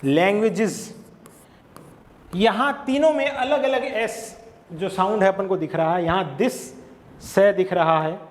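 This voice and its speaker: A man's voice: high voice, roomy sound, big-room sound. A man with a Hindi accent giving an exam-prep lecture, explaining step by step and posing questions to himself before answering them. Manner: explains slowly, asks and answers his own questions. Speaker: English exam tutor. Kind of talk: classroom-style lecture.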